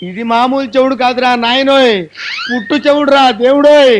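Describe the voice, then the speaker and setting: Panicky priest, real high voice, wails and moans over everything. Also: male voice, fairly even intonation, brisk, noisy background. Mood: despairing. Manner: wailing, melodramatic outbursts. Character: superstitious middle-aged male priest, easily panicked. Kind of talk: comic film dialogue.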